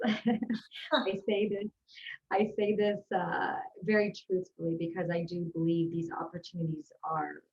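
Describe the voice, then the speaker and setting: A lowish-voiced woman from Houston, Texas, in the US, speaks as a guest on a video call, where she is introduced as an executive and life growth coach. Her responses are upbeat, earnest and conversational, though the audio is dull.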